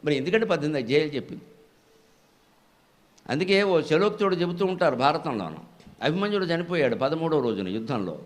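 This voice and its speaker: An older man giving a devotional discourse, telling stories with lively acted-out dialogue and bursting into slow, sung verse recitation. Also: fairly high pitch. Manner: animated storytelling with acted-out dialogue. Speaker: Telugu discourse speaker.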